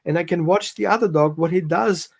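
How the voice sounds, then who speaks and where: A high-voiced man from Greece and Austria, a dog behavior consultant, explains things on a live show, talking fairly quickly with vocal fry. He uses non-native phrasing and illustrates his points with examples and quoted thoughts of dogs.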